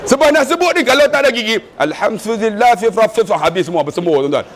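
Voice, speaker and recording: A middle-aged man with a Malaysian Malay accent preaches in a high register. His lecture is full of humor and animated storytelling. He stretches his recited lines into a slow chant. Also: some chatter behind.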